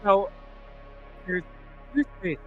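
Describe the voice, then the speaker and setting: A man's voice: high voice, animated, slow pace, fairly bright tone, highs cut off, soft background music. A man playing a tabletop game over voice chat, his microphone garbled so he sounds underwater, talking in a confused, flustered way. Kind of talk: casual online game chat. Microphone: computer mic over voice chat.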